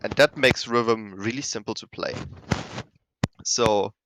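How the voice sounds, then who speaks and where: A man's voice: on the low side, slow, background noise. A man teaching rhythm game map design in a casual, rambling way, often correcting himself mid-sentence. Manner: rambling, self-correcting, many fillers. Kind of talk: casual explanatory lesson.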